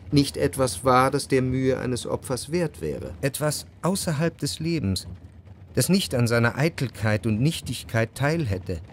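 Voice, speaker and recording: In a radio play, an actor gives a measured, articulate, lightly acted performance as a refined, jealous, brooding man recounting his memories. His voice is medium in pitch.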